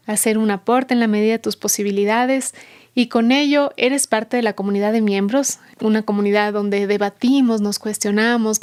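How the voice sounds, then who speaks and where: A woman's voice: fairly high pitch, darkish tone, smooth. A woman hosting a podcast, introducing her guest and then interviewing her in the guest's home. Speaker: podcast host.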